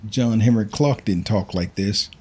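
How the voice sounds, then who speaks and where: A man's voice: lowish voice, a little slow, darkish tone, a little hiss or hum. A man hosting a reaction commentary, speaking in a critical, preachy way and firing off rhetorical questions.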